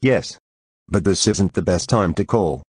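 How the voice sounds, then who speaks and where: A man's voice: low voice, animated, measured pace, a little mellow, husky, no echo, full character voice. A man voicing a stern cartoon police officer who speaks in an official manner.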